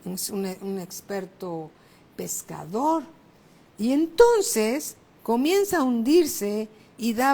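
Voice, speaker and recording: A middle-aged woman pastor, preaching a sermon in a slow, emphatic way. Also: mid-range voice, darkish tone. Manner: slow, emphatic preaching, raising her voice for exclamations.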